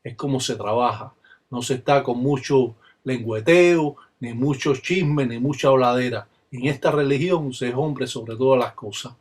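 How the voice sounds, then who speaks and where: An older Cuban man speaks as a religious elder, solemn and insistent, his voice husky and slightly rough. He teaches in measured phrases and slips into rhythmic chanted call-and-response lines. His pitch sits in a middle range for a man. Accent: Cuban Spanish. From Cuba.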